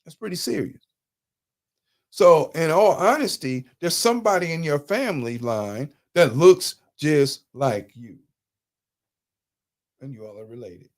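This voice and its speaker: A man's voice: on the high side, expressive, measured pace, pauses often. Man lecturing over slides, emphatic and loose. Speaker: host. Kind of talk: live talk presenting slides.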